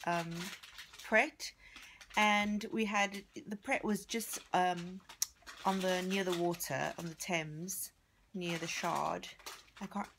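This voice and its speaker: A woman chats to camera in a casual vlog, rambling along with plenty of fillers and bursts of giggling. Her voice sits at a middle pitch. She is in a hotel room, holding the camera at arm's length, with faint noise behind her. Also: creaky, fairly bright tone. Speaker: family vlogger. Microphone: handheld camera held at arm's length.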